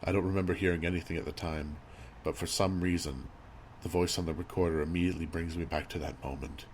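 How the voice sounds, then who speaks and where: Male horror narrator, very deep register, measured and grave delivery, slight background noise and ambience. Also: steady tone. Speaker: creepypasta narrator. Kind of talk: scripted horror story narration.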